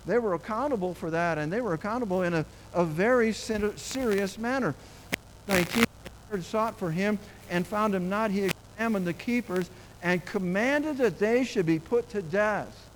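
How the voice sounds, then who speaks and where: A man preaching a sermon. He reads scripture verse by verse and comments on it in an animated, folksy way. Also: high voice, normal speed, a little hiss or hum, rough recording. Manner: animated, excitable, acts out scripture characters in a raised voice; folksy, informal delivery with restarts and asides.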